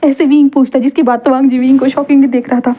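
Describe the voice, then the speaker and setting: A woman narrating a story in a relaxed, chatty manner, slipping English words into her telling. Her voice is notably high. The tone is soft and mellow rather than bright. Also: fast.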